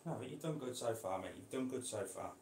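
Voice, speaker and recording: A man keeping reptiles, chatting casually to viewers while gently coaxing and handling a snake indoors. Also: mid-range voice, lively intonation, fast, reverberant, slight background noise. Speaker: reptile keeper vlogger. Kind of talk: casual vlog. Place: indoor room.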